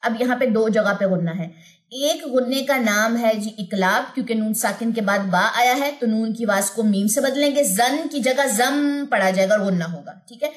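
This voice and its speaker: A woman with a Pakistani Urdu accent teaching Quran recitation, explaining each sound step by step and then chanting the verses in a long drawn-out melody. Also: a little high. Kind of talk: tajweed lesson with recitation.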